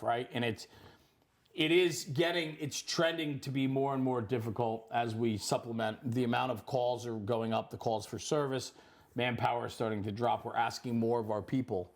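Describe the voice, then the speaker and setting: A middle-aged man hosts a casual interview on location in a firehouse kitchen, effusive and encouraging toward his guest. He has a mid-range voice and a brisk delivery.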